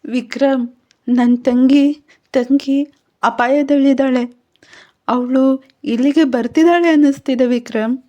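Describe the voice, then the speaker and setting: A woman's voice: a little high, fairly even intonation, moderate pace, warm tone, dull audio, pitched above the performer's own voice, close to an everyday voice. A woman voicing a frightened young woman worried for her younger sister, pleading and anxious in a storybook reading. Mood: distressed.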